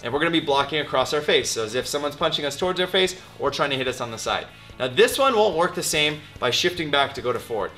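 A man's voice: on the high side, sharp tone. A man in his thirties, a martial arts instructor, giving step-by-step instructions while demonstrating blocks. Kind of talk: technique demonstration. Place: martial arts studio, indoors.

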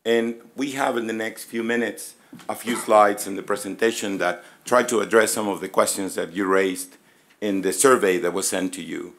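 A middle-aged man with a hoarse, raspy voice that is giving out, presenting informally and haltingly as a professor at a conference-room lectern. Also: on the low side, fairly even intonation, a bit bright. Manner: halting, conversational, inviting questions. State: losing his voice, throat-clearing. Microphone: gooseneck lectern microphone.

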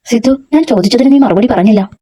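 Woman doing a pleading jealous girl in a story, mellow and fast. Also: a little high, slight background noise, natural voice. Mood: angry. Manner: emotional, insistent. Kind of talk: storybook reading.

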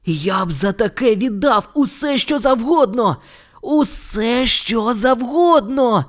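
The audiobook reader voices an excitable boy wizard, speaking in high, eager exclamations. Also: takes it slowly. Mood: excited. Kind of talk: audiobook character reading.

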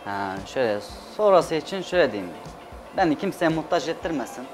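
Very animated and a little fast, this fairly high-voiced man is a chef and restaurant owner from Adana, Turkey, in his thirties. Interviewed as a guest on a TV kitchen set with background music, he talks casually and emphatically, repeating words for emphasis.

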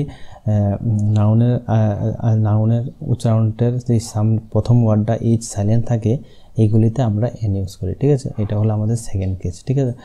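A man's voice: fairly low pitch, dark tone. A man with a Bengali accent teaching an exam-prep grammar lesson, explaining each point step by step and checking with his students after each one. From Tripura, India. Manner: reads English rules slowly, word by word.

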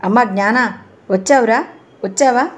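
A woman's voice: on the high side, moderate pace, lightly acted. Brief: woman reading as a fussing, loving middle-aged dad. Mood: anxious. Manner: fretful. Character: anxious middle-aged father, affectionate but fussing.

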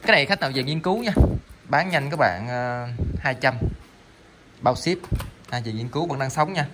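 This man's mid-range voice has lively intonation and a moderate pace, heard against background noise. Showing off salvaged electronics for online sale, he chats loosely, stammering and leaning heavily on fillers and repeated words.

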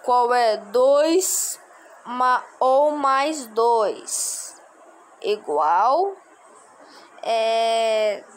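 A woman's voice: fairly high pitch, a little hiss or hum. A woman doing a strict, suspicious male teacher. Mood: teaching. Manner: slow, drawn-out questioning.

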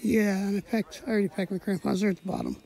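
A woman's voice: medium pitch, wildly swooping pitch, fast talker, vocal fry, mellow, husky. A woman hosting a casual hiking vlog outdoors at a snowy winter campsite, chatty and upbeat. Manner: upbeat, chatty, laughs easily. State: a little out of breath at times. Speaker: vlogger, host of the hiking channel.

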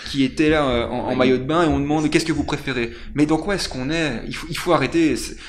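A man's voice: fairly high pitch, fast. A young man answering a political interview earnestly, with frequent restarts, at a studio desk microphone. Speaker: political candidate. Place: small TV studio.

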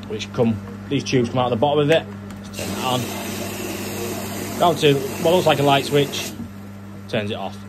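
A man's voice: mid-range voice, background noise. A young man, a plumber talking casually as he films his work and explains each step in a practical, chatty way. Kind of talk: casual vlog narration. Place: factory floor, then a house kitchen.

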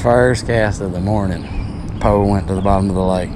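A man's voice: sits low, a little fast. A man giving laid-back, folksy commentary while fishing from a small boat on a lake, recorded on an action camera. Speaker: fishing vlogger. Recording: loud outdoor wind and water noise. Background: outdoor water noise.

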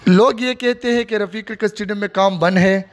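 A man's voice: high-pitched, brisk. A man giving a casual walking tour of a stadium construction site, filming on his phone outdoors. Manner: repetitive, plain commentary while filming. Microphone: handheld phone.

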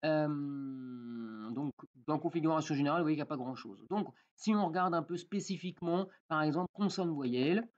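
A man walking through a software tutorial in a casual way, with many fillers and frequent "d'accord?" check-ins. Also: fairly high pitch, highs cut off. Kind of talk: screen-recorded software tutorial.

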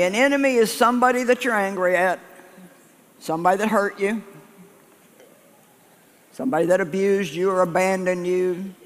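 An older man preaches to a packed church with a high, light, somewhat bright voice, in a folksy, conversational style. He restarts phrases and circles back to drive his points home, his words ringing through the long reverb of the echoey sanctuary.

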